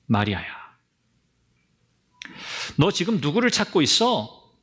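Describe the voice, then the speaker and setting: The risen Jesus, voiced by a male preacher in mid-sermon, gently questions a grieving woman. He talks softly and intimately. His voice sits a little high and has a lively, swinging melody. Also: measured pace. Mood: gentle, probing.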